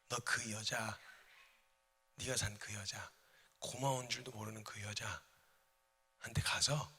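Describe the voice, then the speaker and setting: A man voicing God as a low, slow, whispered solemn command, heard in a reverberant church hall. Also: bright, forceful tone, breathy edge, heavily acted. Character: God, a hushed commanding male divine voice.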